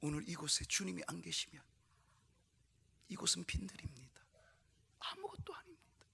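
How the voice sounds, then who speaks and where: A male pastor preaching a sermon in a church, emphatic and swinging from loud exclamations to near whispers. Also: a little high, huge pitch swings, moderate pace, vocal fry, breathy edge. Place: church sanctuary.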